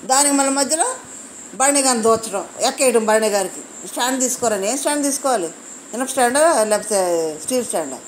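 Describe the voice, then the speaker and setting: Woman reviewer, high voice, indignant, rhetorical; crickets faint behind. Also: slight background noise, poor audio. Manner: indignant, fires off rhetorical questions. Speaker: reality show reviewer. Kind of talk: opinionated show review.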